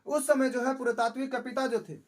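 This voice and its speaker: A young male tutor speaks in a very high voice. He drills exam facts by asking questions and answering them himself. The delivery is repetitive and plain, aimed at students cramming for tests. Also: fairly even intonation, brisk. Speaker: teacher. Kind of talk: exam-prep lesson.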